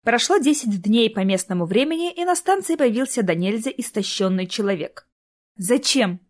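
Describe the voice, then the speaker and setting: A woman narrating a fantasy audiobook in an even, expressive reading. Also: fairly high pitch, brisk.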